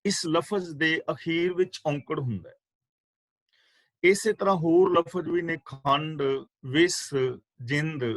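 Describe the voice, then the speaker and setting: A man's voice: a little high, no room sound. Man teaching scripture in a dry, close voice. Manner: measured, patient explaining, repeating key words. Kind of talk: scripture exposition class. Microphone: video call microphone.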